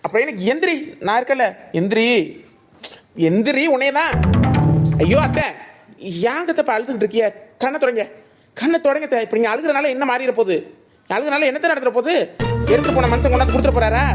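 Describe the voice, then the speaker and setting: A woman voicing a calm young village man in a cartoon, with a southern Tamil village accent, coaxing and placating the family. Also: high-pitched, fast, long pauses, loud music behind the voice, lightly acted. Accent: southern Tamil Nadu village Tamil. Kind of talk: cartoon voice acting.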